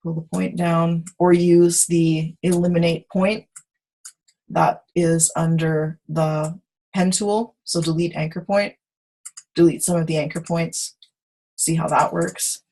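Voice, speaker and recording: A woman teaching design software on a video call, chatty and self-correcting as she demonstrates. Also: on the low side, steady tone, slow, poor audio. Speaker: software instructor. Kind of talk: screen-share tutorial.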